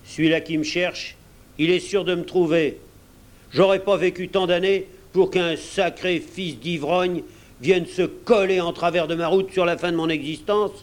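A man playing a crafty old one-legged pirate cook in a storybook reading, pitched high above a plain reading voice. He blusters and threatens in coarse sailor's talk, loud and domineering. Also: fairly even intonation, moderate pace, natural voice. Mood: thundering.

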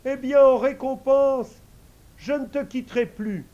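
A high, eager invisible servant spirit. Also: male voice, unhurried, dull audio. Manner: high, excited and devoted.

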